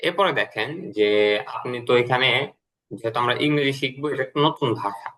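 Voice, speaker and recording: Bright-voiced patient male English teacher. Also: mid-range voice. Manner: patient, repeats key words slowly. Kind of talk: explaining a lesson to a student.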